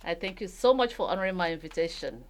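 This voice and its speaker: A woman with a slightly low voice hosts a radio interview. She talks in a measured way and sets out each point for the listeners. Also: expressive. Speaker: radio show host. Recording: radio studio broadcast.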